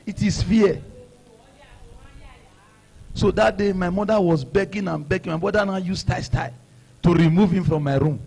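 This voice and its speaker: Animated husky Nigerian preacher man. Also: high-pitched, fast talker. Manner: animated, breaks into laughter and shouts for emphasis. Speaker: pastor. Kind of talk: storytelling sermon.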